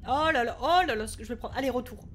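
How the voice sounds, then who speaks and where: A woman's voice: on the high side, quick pace, fairly bright tone, a little hiss or hum. A woman streaming a horror game, panicking, swearing and shrieking at it between thanks to viewers.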